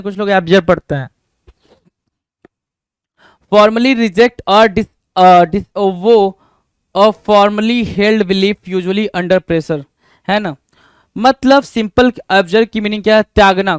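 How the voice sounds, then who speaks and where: A high-voiced man teaches exam vocabulary in a clear, smooth tone. He keeps firing rhetorical questions at the class and answering them himself, repeating each key word. His voice sounds close and dry. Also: no echo. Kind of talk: exam-prep vocabulary lesson.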